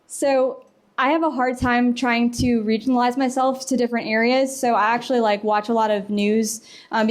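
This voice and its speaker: A young woman from the US Midwest and South giving a casual conference talk, chatty and full of fillers, acting out bits of dialogue. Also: on the high side. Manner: chatty, filler-heavy, acts out quoted dialogue. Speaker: conference presenter. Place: conference room.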